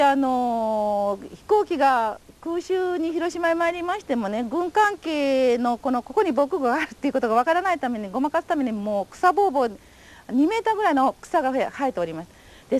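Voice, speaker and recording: A woman's voice: high-pitched, very animated, fairly quick, darkish tone. An older woman giving a recorded testimony interview, telling her memories in polite, formal, vivid storytelling. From Japan. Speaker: atomic bomb survivor giving testimony.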